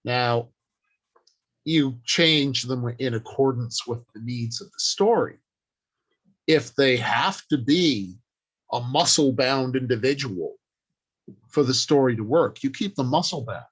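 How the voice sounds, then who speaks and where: Giving a workshop lesson, this man speaks at medium pitch with a husky quality, and the audio is poor. He stays deliberate and emphatic, building his talk from short declarative phrases separated by pauses.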